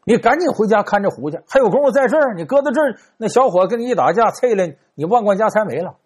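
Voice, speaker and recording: Brief: man playing a cunning fortune teller in a storytelling, husky, hushed and persuasive. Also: high voice, animated, fast, pitched above the performer's own voice. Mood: coaxing. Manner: coaxing, conspiratorial, hushed warnings. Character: shrewd smooth-talking male street fortune teller.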